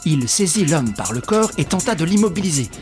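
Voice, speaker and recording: A man reading a novel aloud as an audiobook narrator, with a dramatic, expressive delivery. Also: on the high side, brisk, soft background music. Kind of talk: scripted narration.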